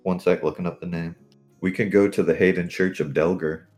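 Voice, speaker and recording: A man's voice: low-pitched, fairly even intonation, a little fast, a little mellow. A man taking part in a tabletop game, casually describing and speaking for his character. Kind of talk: casual role-play chat. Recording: music playing behind.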